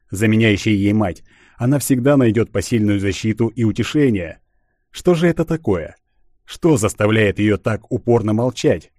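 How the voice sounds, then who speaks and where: A man reading a literary audiobook in a measured, even way. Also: on the low side, no echo, studio quality. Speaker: audiobook narrator.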